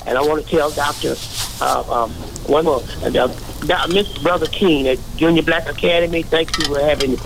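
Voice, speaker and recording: Calling a radio program by phone, an older man rambles on in an earnest, sermonizing tone. His voice is fairly high and creaky at a moderate pace, with slight hiss or hum in a low-quality recording.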